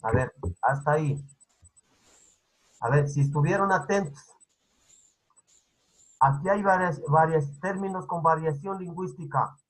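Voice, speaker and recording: A man's voice: fairly high pitch, measured pace, pauses often, rough recording. A male teacher giving an online class over a video call. He keeps checking understanding with "¿sí?" and repeats his points. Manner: repetitive, instructive.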